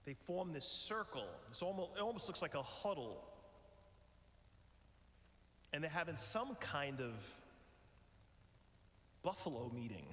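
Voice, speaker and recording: A priest giving a retreat talk in a large church, telling a story in a relaxed, conversational way with many ums and uhs. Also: male voice, a little high. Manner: conversational storytelling with frequent fillers. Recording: echoey church with long reverb.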